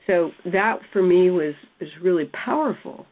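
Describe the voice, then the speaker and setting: Woman, discussion leader, reflective, low-pitched, tinny call audio. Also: animated, moderate pace. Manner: thoughtful, searching for words. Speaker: Bible study discussion leader. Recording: tinny phone or call line.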